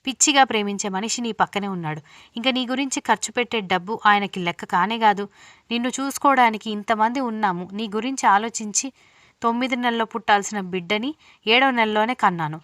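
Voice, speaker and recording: A woman's voice: a little high, fast, fairly bright tone, no echo, clean studio sound, natural voice. Woman voicing scolding protective older sister. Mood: angry. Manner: scolding, sarcastic questions.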